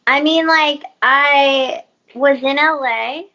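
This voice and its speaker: High-voiced laid-back woman comedian. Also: takes it slowly, sharp tone, highs cut off. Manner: laid-back, hesitant, many fillers. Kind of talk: comedic video-call banter.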